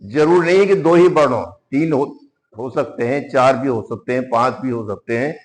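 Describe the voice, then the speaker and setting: A man's voice: mid-range voice, normal speed, low-quality recording. A male teacher giving a classroom grammar lesson, explaining step by step and asking questions that he then answers himself.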